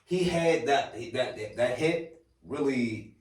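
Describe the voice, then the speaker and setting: A man's voice: medium pitch, takes it slowly. A man co-hosting a casual sports podcast, trading laid-back banter and short agreeing replies. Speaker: podcast co-host. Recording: echoey room, mic at a distance.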